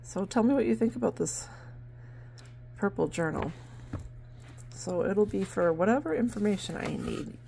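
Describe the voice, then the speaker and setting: A woman's voice: mid-range voice, expressive, normal speed, gravelly, long pauses, warm tone, a little hiss or hum. A middle-aged woman from New Hampshire, chatting casually to camera about her barn sales in a rambling way with lots of fillers, recorded on a handheld phone at home. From New Hampshire, USA. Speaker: vlogger and barn sale seller. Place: at home, indoors at a table.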